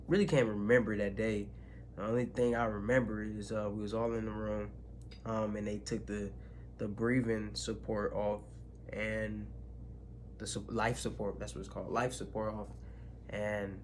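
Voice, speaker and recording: A young man in casual vlog storytelling, sharing an emotional personal story in slangy speech with restarts and pauses. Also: fairly low pitch. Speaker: vlogger. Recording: faint background noise.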